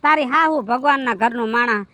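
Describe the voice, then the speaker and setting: A man's voice: very high voice, fast, sharp tone, dry recording, muffled recording. A man playing a caring village maternal uncle in a comedy sketch, with a Saurashtra Gujarati accent, giving fatherly advice. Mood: counselling. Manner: fatherly counselling.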